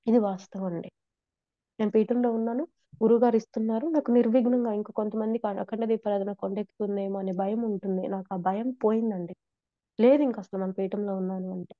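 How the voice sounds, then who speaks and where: A woman's voice: medium pitch, steady tone, quick pace, dry recording, phone-quality sound. A woman earnestly sharing her devotional experiences in a conversational interview, with frequent restarts. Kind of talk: conversational testimony.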